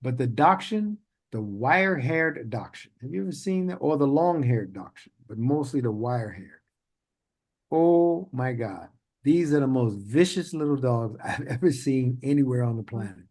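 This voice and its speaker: Speaking in an expressive, mid-range voice with a darkish tone and moderate pace, a podcast host conducts an interview in a loose, chatty way. He wanders off into lengthy stories and laughs often.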